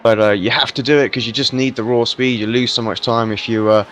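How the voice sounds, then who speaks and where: A man doing casual live race commentary in a hungover voice. His pitch sits mid-range, and there is clear noise with vehicle sound behind him. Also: steady tone, brisk, fairly bright tone.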